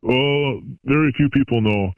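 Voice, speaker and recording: A male caller speaking through an electronically disguised deep voice, giving short, guarded answers. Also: measured pace, no echo. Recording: tinny phone line.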